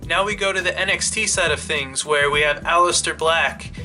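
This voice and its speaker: A man's voice: fairly high pitch, moderate pace, sharp tone, faint music behind. A man hosting his own channel, chatting loosely through a wrestling storyline idea, full of "you know" and "like". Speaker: wrestling fan channel host. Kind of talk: casual fantasy-booking monologue.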